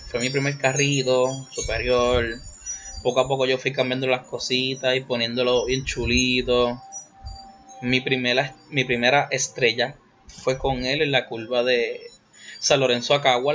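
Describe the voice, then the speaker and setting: A man's voice: medium pitch, fairly bright tone, lo-fi sound. A young man with a Puerto Rican accent, hosting a casual solo monologue. He rambles, jokes crudely and slips English words into his Spanish.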